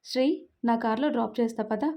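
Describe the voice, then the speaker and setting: A woman's voice: a little high, little pitch movement, fast, vocal fry, warm tone. A woman voicing a young man in love, fond, pleading and playful, in a storybook reading.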